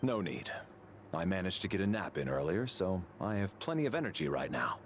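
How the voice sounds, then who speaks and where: An actor playing an aloof, stoic guardian in a video game, speaking in a serious, formal way. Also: male voice, sits low, very animated, brisk, a little hiss or hum. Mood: composed. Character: aloof, stoic male guardian, curt and dutiful.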